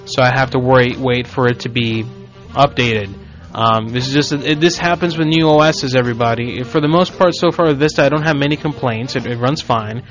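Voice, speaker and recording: A Puerto Rican man with a matching accent hosts a casual internet radio show, rambling, joking, and correcting himself with frequent restarts. His voice is medium-pitched and brisk, with faint music behind it, and the stream audio sounds dull and lo-fi. It plays like easygoing talk-radio chat.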